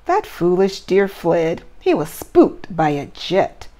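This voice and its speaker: A woman's voice: lowish voice, big pitch swings, slow pace, mellow. A woman voicing a flustered, worried old Santa Claus in a children's storybook, complaining and pleading dramatically. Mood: worried, upset. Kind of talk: children's storybook read-aloud.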